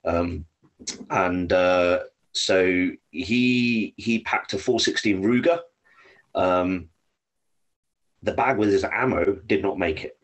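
A man's voice: deep voice, slow pace, long pauses. A man with an English accent, a podcast guest telling rambling stories and swearing freely. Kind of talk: casual storytelling.

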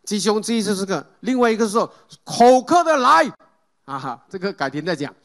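A man's voice: high voice, expressive, quick pace. A man preaching a sermon, calling out Amen and Hallelujah and putting questions to the congregation. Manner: asks the congregation questions and leads group reading.

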